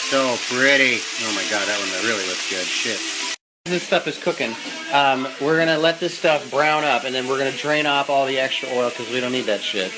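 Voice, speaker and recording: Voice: medium pitch, noisy background. A home cook giving a casual, chatty and mildly profane cooking demonstration. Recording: music and sizzling pan behind. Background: music, frying food sizzle.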